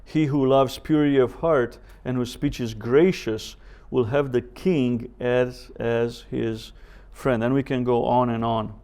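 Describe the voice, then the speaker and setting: Scripture quotes, rhetorical questions and deliberate pauses mark this professor's measured Bible seminar. He speaks with a medium-pitched, steady, smooth voice that's a little mellow.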